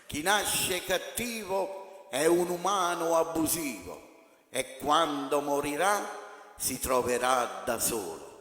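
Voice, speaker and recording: A man's voice: a little high, expressive, slow pace, fairly bright tone. A man reciting sayings in formal Italian, line by line. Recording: echoey hall, noisy.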